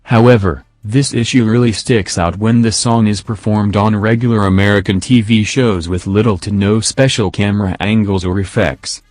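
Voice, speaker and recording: A male text-to-speech robot voice reading scripted opinion commentary in a flat, even machine cadence. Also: on the low side, moderate pace, hardly any pauses, dry recording. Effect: synthetic robot text-to-speech voice.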